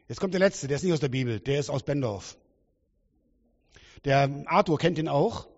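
A man in his fifties preaches a lively, joking sermon in a slightly raised voice, drawing the congregation in with questions. It sounds like a large church hall with long reverb, caught on a dull, muffled recording. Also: a little high. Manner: lively, humorous, theatrical, talks to the congregation.

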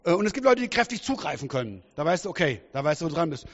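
A man in his fifties preaching a sermon in a lively, humorous and theatrical way, often asking the congregation questions. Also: fairly high pitch, rapid-fire. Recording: dull sound with long hall reverb.

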